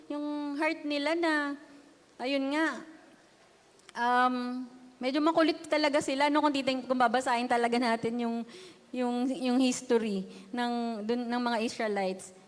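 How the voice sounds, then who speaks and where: A woman with a high voice delivers a sermon, speaking in a chatty, conversational way and often asking her listeners questions. She mixes in English words as she goes. Her voice carries the long reverb of a church hall. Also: fairly even intonation, unhurried, long pauses. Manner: conversational, mixing Tagalog with English, frequent rhetorical questions. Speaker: preacher.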